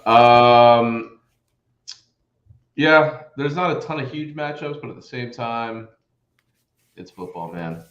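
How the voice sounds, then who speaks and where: A man's voice: mid-range voice, slow pace, pauses often, muffled recording. Man on an echoey, hollow webcam mic. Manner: laid-back, chatty. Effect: echoey, hollow-sounding mic. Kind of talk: casual chat on a livestream.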